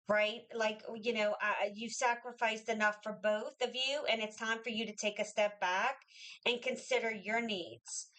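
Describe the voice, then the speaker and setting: A woman's voice: a little high, a bit bright, smooth, poor audio. Woman, tarot reader, casual chat, reassuring, rambling with fillers. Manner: chatty, reassuring, many fillers and restarts.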